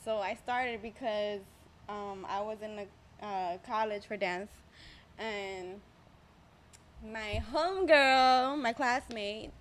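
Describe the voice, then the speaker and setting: A woman guest on a podcast, chatting quickly with lots of fillers. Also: mid-range voice, a little hiss or hum. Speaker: podcast guest, pole dancer. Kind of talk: casual chat.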